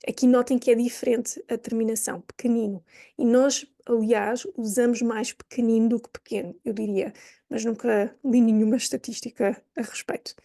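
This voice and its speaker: A woman's voice: fairly high pitch, mellow, dry recording, studio quality. A woman from Portugal with a Lisbon accent, teaching in a chatty way that thinks aloud, with restarts and asides. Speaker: language teacher. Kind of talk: explaining lesson to camera.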